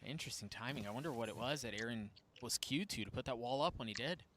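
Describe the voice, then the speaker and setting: A man's voice: mid-range voice, quick pace, fairly bright tone, a little hiss or hum. A man doing esports caster play-by-play on a live match, his voice rising sharply with the action.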